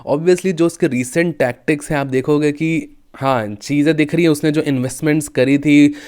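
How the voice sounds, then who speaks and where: A man's voice: on the high side, fairly even intonation, moderate pace, darkish tone, clear, resonant tone. A young man giving casual combat sports commentary, chatting with viewers and often addressing them as brothers.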